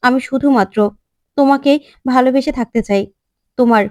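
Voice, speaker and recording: A woman's voice: high-pitched, moderate pace, no echo, studio quality, lightly acted. A woman voicing a scheming young woman who insistently pleads for a man's love in a retold drama story. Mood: pleading.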